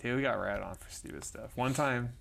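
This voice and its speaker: An animated man tells stories on a casual podcast and slips into voices for the people in them. His pitch sits in the ordinary middle range for a man, and he often laughs partway through a story. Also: brisk, vocal fry. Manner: animated, acts out other people's lines in quoted voices. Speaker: podcast co-host.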